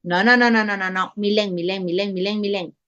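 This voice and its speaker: A woman's voice: mid-range voice, steady tone, fairly quick, a bit bright, smooth. A woman English teacher, running an online class, patiently repeating questions and calling on students by name. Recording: dull lo-fi online class audio.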